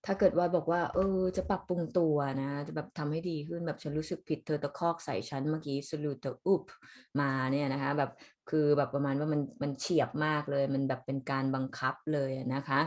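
Low-voiced Thai woman teaching. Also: little pitch movement, a little fast, a little mellow. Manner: chatty, frequent polite sentence endings. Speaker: Swedish language teacher. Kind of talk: explaining dialogue phrases to students.

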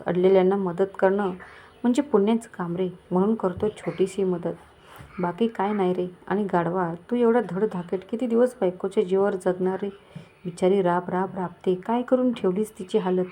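A woman's voice: medium pitch, moderate pace, dark tone, natural voice. A woman voicing a scheming, lecherous middle-aged village moneylender who talks in a coaxing, menacing way. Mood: falsely friendly. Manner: coaxing, menacing, falsely kind.

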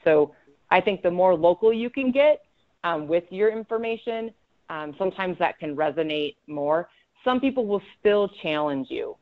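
A woman's voice: lowish voice, lively intonation, moderate pace. Woman presenting a safety webinar, lo-fi. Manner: frequent ums and self-corrections. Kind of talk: conversational webinar talk. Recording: slightly dull lo-fi audio.

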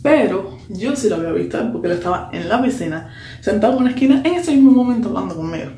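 A woman's voice: medium pitch, fast talker. A young woman, animatedly telling a personal story in a casual vlog. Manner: animated, lively retelling with slang and English asides. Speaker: vlogger. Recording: echoey room with faint hum.

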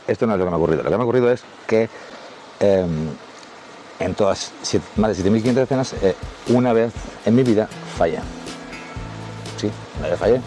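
A man from Spain with a very low voice tells stories from his career in a loose, rambling way, stopping and restarting his sentences often. When he quotes other people he lifts his voice to act them out. Faint music plays quietly behind him. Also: brisk, pauses often. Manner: rambling, with many restarts and fillers; acts out quoted dialogue in a raised voice. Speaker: adult film actor telling anecdotes. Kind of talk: casual storytelling to camera.

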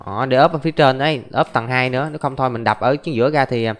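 This young man talks fast at a medium pitch as he chats casually through his gameplay. A gaming YouTuber, he narrates each step of his Let's Play and calls out to his audience over faint background music.

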